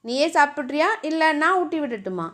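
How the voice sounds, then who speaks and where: A woman voicing a gruff but caring young husband in a storybook reading, speaking in clipped, lowered commands. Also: lively intonation, brisk, fairly bright tone. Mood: tender.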